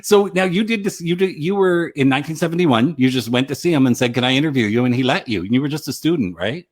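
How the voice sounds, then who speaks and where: A man's voice: fairly high pitch, expressive, fast talker. A man hosting a casual interview, asking eager questions and laughing often. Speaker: interview host, author.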